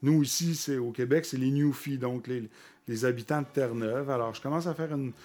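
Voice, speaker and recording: Québécois man telling stories haltingly. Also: medium pitch, darkish tone. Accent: Québécois French. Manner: halting, with frequent fillers and restarts. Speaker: podcast guest. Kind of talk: conversational storytelling.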